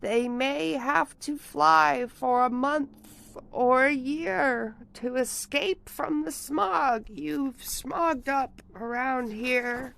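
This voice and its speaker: A woman voicing an indignant old male creature who guards nature, scolding and pleading with drawn-out, emphatic words in a storybook reading. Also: high voice, gravelly, fairly bright tone, pitched above the performer's own voice, exaggerated voice. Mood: sorrowful, pleading.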